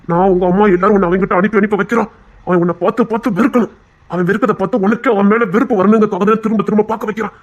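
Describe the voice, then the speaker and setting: An actor playing a sly, scheming young man who poses as a best friend, talking smoothly and prying for information. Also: medium pitch, natural voice.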